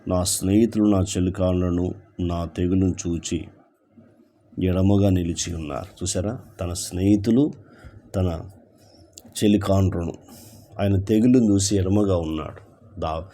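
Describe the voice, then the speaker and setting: A man with a Telugu accent, a pastor preaching an evening sermon, reading scripture slowly and emphatically and repeating phrases. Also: low-pitched, gravelly, dark tone.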